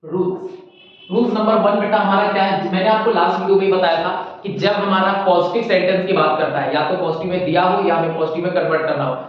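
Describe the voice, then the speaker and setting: एक पुरुष अंग्रेज़ी शिक्षक जो अपने विद्यार्थियों को "बेटा" कहकर व्याकरण पढ़ाता है और उदाहरण धीरे-धीरे बोलकर लिखवाता है।. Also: male voice, high-pitched, steady tone, heavy reverb, distant mic, highs cut off. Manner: addresses students as children, slow dictation of examples. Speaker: English teacher. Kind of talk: classroom grammar lesson.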